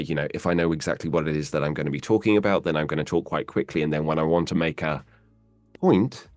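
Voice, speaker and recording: A man working as a voice actor, answering interview questions in an animated way and playing with his pitch as he explains. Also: dry recording. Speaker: voice actor guest.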